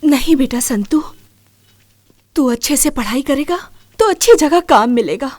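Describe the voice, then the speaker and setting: An actress dubbing a devoted middle-aged mother who gently pleads for her son. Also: high voice, big pitch swings, moderate pace, no room sound. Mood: tender. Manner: pleading, tender. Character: devoted mother, gentle but standing up to husband. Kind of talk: Hindi film dub acting.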